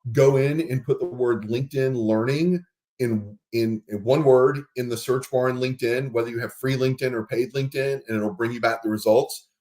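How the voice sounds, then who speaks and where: A man hosts a casual podcast chat. His voice sits at an ordinary middle pitch. He explains patiently and spells words out letter by letter when it matters. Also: steady tone, moderate pace, darkish tone. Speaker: podcast host.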